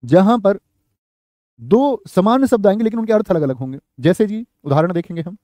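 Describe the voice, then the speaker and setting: A young man with a high, mellow voice teaches an exam-prep class, drawing out each phrase and saying it again so students can copy it. The sound is close and dry, with no room around it. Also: animated, no room sound. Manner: slow, repeats phrases for dictation, addresses students.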